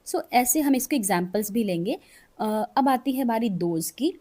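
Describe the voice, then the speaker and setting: A woman's voice: fairly high pitch, animated, warm tone. A woman teaching English grammar in Hindi mixed with English, explaining step by step and reading out example sentences word by word. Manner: slow, explains step by step, often checks with "ठीक है". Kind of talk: Hindi-English grammar lesson with board drawings.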